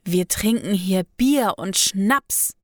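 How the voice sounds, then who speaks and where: A woman playing a gruff, scornful karate teacher. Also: mid-range voice, takes it slowly, dry recording, studio quality, natural voice. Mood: indignant.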